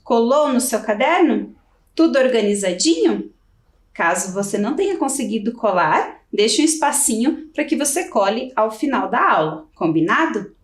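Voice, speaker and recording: In this children's video lesson, a Brazilian primary school teacher patiently explains each step, her Brazilian Portuguese accent clear. She speaks at normal speed with a fairly high, lively voice, and the recording is roomy and off-mic.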